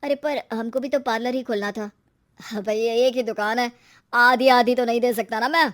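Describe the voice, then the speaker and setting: A woman's voice: fairly high pitch, fairly even intonation, normal speed, a bit bright, natural voice. A woman voicing a blunt, matter-of-fact male shop owner who brushes customers off. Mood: dismissive.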